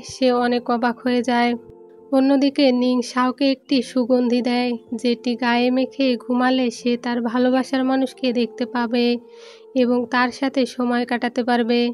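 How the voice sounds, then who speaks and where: A woman narrating a film recap in a steady, even storytelling read, with soft music underneath. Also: fairly high pitch. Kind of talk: scripted movie recap narration.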